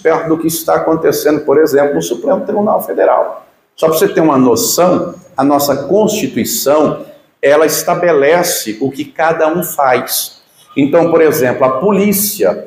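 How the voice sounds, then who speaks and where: Man, Brazilian pastor, emphatic sermon, fairly high voice, echoey room. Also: darkish tone. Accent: Brazilian Portuguese. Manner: emphatic preaching with rhetorical questions.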